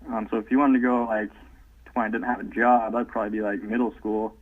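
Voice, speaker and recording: Guy in his 30s calling in over a crummy low quality stream, kinda deep, relaxed, lots of ums. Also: fairly quick. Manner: easygoing, many "um" fillers. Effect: low-quality remote call audio. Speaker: podcast guest. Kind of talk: casual interview chat. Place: at home, away from the host. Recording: tinny phone-like remote line.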